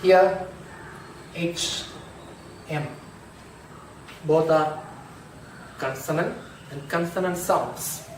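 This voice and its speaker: A male school teacher, slowly explaining grammar in an online lesson and repeating examples. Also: on the high side. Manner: slow, repetitive, drills examples aloud. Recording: echoey room, distant mic, noisy.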